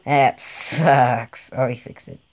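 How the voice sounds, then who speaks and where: Young guy rambling thru his tank game, gets hyped fast, jokey, home mic. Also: medium pitch. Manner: rambling, easily excited, jokey. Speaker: gaming channel host. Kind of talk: excitable gameplay commentary.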